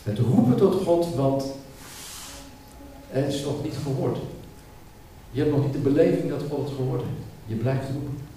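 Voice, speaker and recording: A man's voice: mid-range voice, lively intonation, moderate pace, long pauses, warm tone, a little hiss or hum. Emphatic man preaching in an echoey hall. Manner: emphatic, repeats words while building a point. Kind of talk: sermon. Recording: echoey hall, speaker far from mic.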